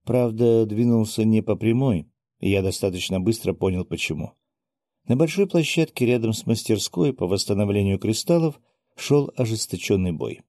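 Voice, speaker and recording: Guy reading a fantasy audiobook, lowish voice, dry studio sound. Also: animated, normal speed, mellow, no room sound. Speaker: audiobook narrator. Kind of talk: first-person fantasy audiobook narration.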